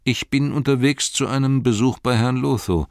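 Frodo, a man doing a calm composed hobbit. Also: mid-range voice, creaky, dry recording, studio quality, pitched above the performer's own voice, close to an everyday voice. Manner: calm, measured.

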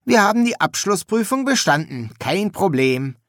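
A man's voice: fairly high pitch, expressive, normal speed, no room sound, studio quality, voice pushed up. A man doing a chipper young assassin. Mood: cheerful. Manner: breezy, upbeat, chummy. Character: cheerful young male assassin graduate.

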